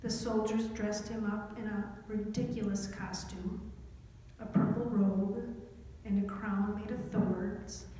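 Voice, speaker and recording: A woman reading a scripture story aloud in a church, slow and deliberate. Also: medium pitch, fairly even intonation, warm tone. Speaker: scripture reader. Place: church sanctuary. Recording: echoey hall with faint noise.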